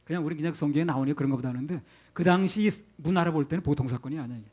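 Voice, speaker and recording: A man's voice: a little high, very fast, darkish tone. A middle-aged male pastor preaching a sermon in a folksy, conversational way, asking the congregation rhetorical questions.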